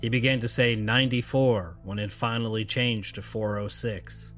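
A man narrating a scary story in a calm, measured voice. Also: fairly low pitch, soft background music. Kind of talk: scripted narration.

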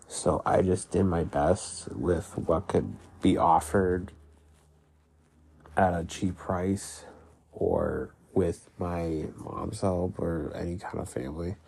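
A man with a gravelly, phlegmy voice, congested from being sick, talking casually about his life in a halting, rambling way. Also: low-pitched, steady tone, a little mellow. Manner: halting, rambling, heavy use of "like"; casual swearing. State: sick, congested with mucus in throat. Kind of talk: casual personal diary-style talk.

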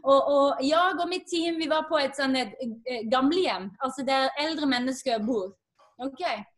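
A woman, a guest earnestly telling a personal faith story and acting out the dialogue. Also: high-pitched.

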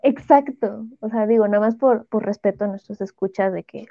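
A young Mexican woman co-hosting a podcast, chatting casually and sharing strong opinions with animated energy. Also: mid-range voice, a little fast, dry recording. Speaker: podcast co-host. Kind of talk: casual chat. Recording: tinny phone-like sound.

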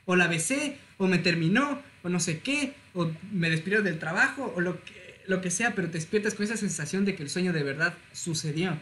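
A young man, high-pitched and animated, who laughs through his own stories. He talks loosely in podcast chat, with a faint noise in the room behind him. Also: brisk, hardly any pauses. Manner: animated storyteller, laughs often. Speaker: podcast host. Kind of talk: casual chat.

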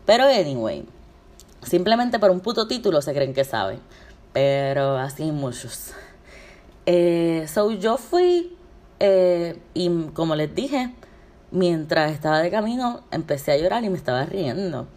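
A woman's voice: lowish voice, big pitch swings, unhurried, darkish tone. A young woman with a Puerto Rican accent, hosting a podcast and venting heatedly in a casual monologue, swearing freely and dropping English words into her speech. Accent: Puerto Rican Spanish. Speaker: podcast host.

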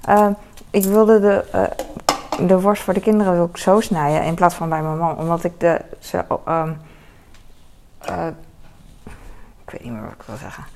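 Woman, home cooking vlog, rambling chatty talk, low gravelly voice, sizzling pan and kitchen noise. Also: normal speed, pauses often, darkish tone. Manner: chatty, rambling, self-mocking with many fillers. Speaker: home cook vlogger. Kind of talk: casual cooking vlog chat. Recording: noisy home kitchen recording. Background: frying and sizzling sounds.

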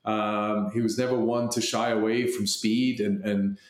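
A man born in Hong Kong, co-hosting a podcast, telling stories in a rambling, animated way with many restarts. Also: fairly low pitch, measured pace. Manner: rambling, animated storytelling with frequent restarts and laughs. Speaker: podcast co-host. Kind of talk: casual conversation. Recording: echoey room sound.

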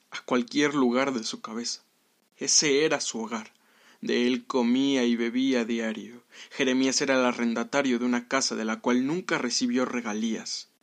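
A man reading a scripted story aloud in a hushed, dramatic way that sometimes sinks to a whisper. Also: medium pitch. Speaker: narrator.

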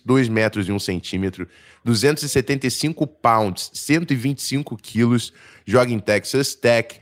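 A Brazilian man hosting a casual sports podcast in informal, halting, slangy talk, his voice slightly strained and failing. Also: mid-range voice. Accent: Brazilian Portuguese. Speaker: podcast host.

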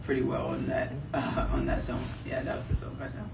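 A young Liberian professional soccer player answers press questions in a soft, hesitant voice full of fillers. His mid-range voice is gravelly, level in tone and a little fast. The recording sounds roomy, distant and muffled, with light noise.

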